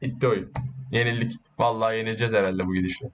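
Excitable man commentating his own gameplay. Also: fairly low pitch, quick pace, dull audio, slight background noise. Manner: excitable, swearing, boastful banter with teammates. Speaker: gaming YouTuber.

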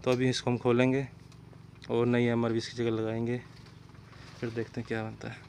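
A man's voice: medium pitch, completely flat delivery, a little fast, creaky, darkish tone, slight background noise. Man explaining an excavator repair. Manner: explains step by step, calls out short commands to a helper. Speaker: excavator mechanic. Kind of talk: hands-on repair demonstration. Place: outdoors at a worksite beside an excavator.

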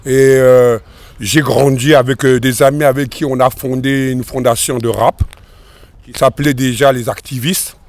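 A man in his thirties from France, a rapper, talking in a relaxed, rambling way in an outdoor interview into a handheld mic. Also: mid-range voice, moderate pace, no room sound. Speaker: rapper guest. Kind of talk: casual interview answers. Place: outdoors by a river in a park. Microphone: host's handheld mic.

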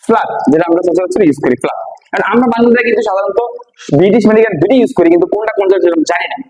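Male teacher from Bangladesh, higher register, patient drilling style, asks and answers his own questions. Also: lively intonation, very fast, creaky, darkish tone, poor audio. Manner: repeats each word and quizzes listeners with questions. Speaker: English teacher. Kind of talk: classroom-style vocabulary lesson.

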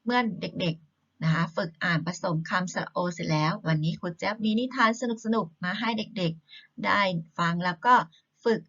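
A woman teacher talks gently and patiently to small children, her voice bright yet pitched a little low. The recording is somewhat dull and lo-fi. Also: normal speed. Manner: gentle, coaxing, polite sentence endings. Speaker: primary school teacher.

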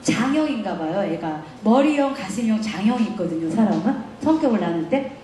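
A woman's voice: medium pitch, brisk. A middle-aged woman giving a guest lecture, telling family stories with lots of laughter. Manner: animated storytelling, laughing often. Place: lecture hall. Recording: echoey lecture room.

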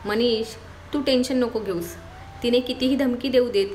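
A woman's voice: a little high, moderate pace, darkish tone, slight background noise, close to an everyday voice. A woman voicing a boastful teasing young man. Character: playful young man teasing his sister.

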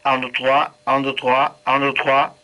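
A man's voice: medium pitch, little pitch movement, measured pace, sharp tone. A man speaking over a walkie-talkie radio, counting repetitively in a test transmission. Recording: dull, narrow walkie-talkie speaker sound.

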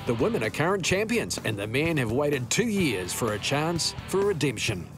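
Animated New Zealand man narrating sports highlights. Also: normal speed. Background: music.

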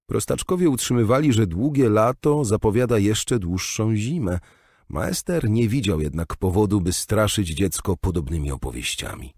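A man narrating an audiobook in an expressive storytelling manner, read close to the mic. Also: normal speed, slightly rough, dry recording. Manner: expressive storytelling with wide pitch. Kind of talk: scripted narration.

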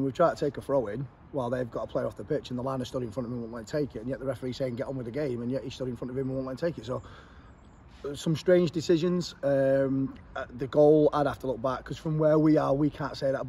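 A man's voice: mid-range voice, quick pace, dark tone, a little hiss or hum. A man in his forties with an English accent, a football manager giving an earnest post-match interview outdoors at a ground, repeating words as he thinks.

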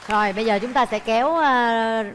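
A woman's voice: fairly high pitch, normal speed, a bit bright, some chatter behind, slight background noise. A woman co-hosting a dating show in a television studio, blunt and teasing with the guests. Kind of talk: quick playful game-show hosting.

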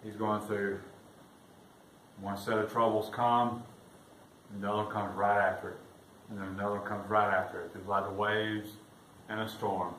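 The pastor speaks flatly at a normal speed, pausing often, and is recorded from afar. It's a sermon in an echoey church, and he gets louder and higher when he reads scripture aloud. His voice sounds off-mic against a roomy echo and faint room noise.

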